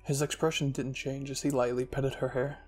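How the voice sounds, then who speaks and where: As a channel host, a man narrates a scripted fan fiction story in a soft ASMR style, with music playing behind him. His mid-range voice is level in tone, moderately paced and slightly breathy.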